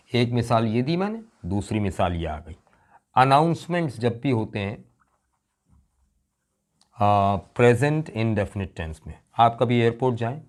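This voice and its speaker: Slow, lively-voiced teacher. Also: male voice, medium pitch. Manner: slow, deliberate explaining with drawn-out example words. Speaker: English teacher. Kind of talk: classroom grammar lecture.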